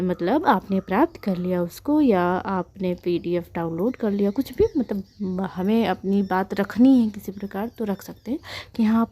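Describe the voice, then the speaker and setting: A woman's voice: medium pitch, darkish tone. A woman teacher giving an online lesson, asking questions and then answering them herself.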